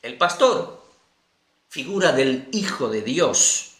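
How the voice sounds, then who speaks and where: Slow, deliberate Argentine preacher, echoey room. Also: male voice, mid-range voice, big pitch swings, fairly bright tone. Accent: Argentine Spanish. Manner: slow and deliberate, checking in with listeners. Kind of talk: Bible teaching.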